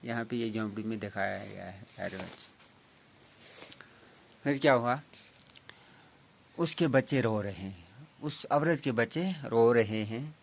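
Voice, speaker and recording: A man's voice: lowish voice, creaky, long pauses, slight background noise. A male school teacher giving a reading lesson to young children, restating each sentence in simpler words.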